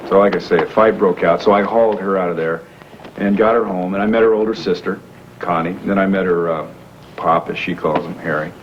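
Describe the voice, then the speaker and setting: An earnest young businessman, worn tape. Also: deep voice. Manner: earnest, explanatory, halting with fillers. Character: wealthy young man posing as a factory worker. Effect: worn VHS tape copy. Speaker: businessman explaining a masquerade. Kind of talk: 1980s daytime soap acting. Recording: muffled hissy worn videotape of a TV broadcast.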